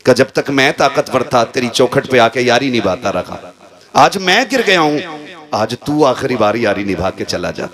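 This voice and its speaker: A man from India preaching a sermon as a dramatic story, acting out the characters, moving from hushed low tones to high impassioned cries. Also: very animated, normal speed. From Moradabad, India. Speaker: Islamic preacher.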